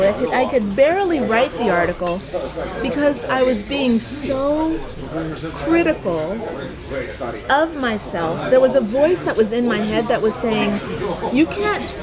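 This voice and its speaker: A woman hosting a casual chat over a meal, talking openly and often affirming her guest. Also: on the high side. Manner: warm, affirming, frequent agreement. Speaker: host. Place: busy restaurant. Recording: restaurant crowd noise around. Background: crowd chatter.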